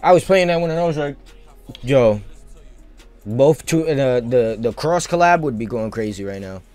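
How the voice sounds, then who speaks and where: A male streamer narrates his gameplay live in a relaxed, profane, slangy way, mostly to himself, over game audio and music. He has a mid-range, darkish voice that is expressive and paced normally.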